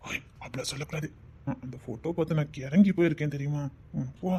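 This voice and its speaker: Over the phone, a young man in a web drama sweet-talks as a greedy, manipulative boyfriend, speaking with a Tirunelveli Tamil accent. He coaxes insistently and keeps asking "understand?" His voice is fairly high and fast, with a dark tone and a breathy edge.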